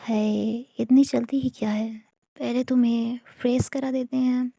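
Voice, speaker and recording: A woman voicing a tender, protective young woman bodyguard who speaks softly and affectionately, with a gravelly, dark tone. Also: fairly high pitch, little pitch movement, a little slow, no room sound. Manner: soft and affectionate.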